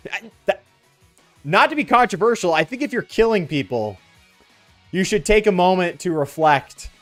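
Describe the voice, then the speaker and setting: A man's voice: sits high, no room sound. A man talking casually like a frat bro while livestreaming a game, on a close microphone. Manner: frat-bro talk full of bro and dude. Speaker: game streamer. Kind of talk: casual livestream chat over gameplay. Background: music.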